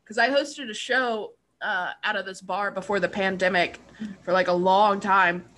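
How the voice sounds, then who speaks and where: A woman's voice: medium pitch, steady tone, moderate pace, fairly bright tone. A woman comedian chatting casually, giggly and crude, with lots of fillers. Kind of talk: casual chat.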